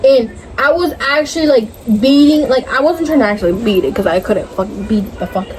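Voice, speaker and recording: A woman's voice: high-pitched, lively intonation, brisk, darkish tone, slight background noise, poor audio. A young woman casually telling a dream story in a hazy, puzzled way, groping for words and swearing often.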